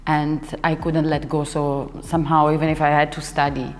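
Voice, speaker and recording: A young woman from Italy, working as a dancer and choreographer, chats in an easygoing interview with frequent pauses for words, restarted sentences and lots of laughter. Her voice is deep and level. Faint music plays under hall reverb.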